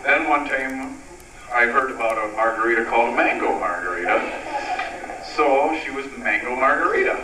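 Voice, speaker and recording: A middle-aged man delivers a wedding toast as the proud father of the bride. His mid-range voice is deliberate and sentimental, with pauses between phrases. It echoes around the room, picked up from some distance away. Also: medium pitch, bright, forceful tone.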